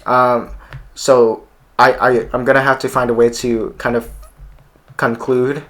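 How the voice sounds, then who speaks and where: A man's voice: mid-range voice, level tone, unhurried, fairly bright tone. A teenage boy hosting a podcast, talking earnestly and often repeating words as he restarts. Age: teens. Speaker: podcast host. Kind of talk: casual chat.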